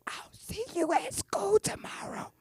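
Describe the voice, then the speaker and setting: A man's voice: very high voice, unhurried, dry recording, studio quality, voice pushed up. A man putting on a teenager who whispers secretively on a late-night phone call, as a whispered role-play. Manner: hushed, secretive, urgent.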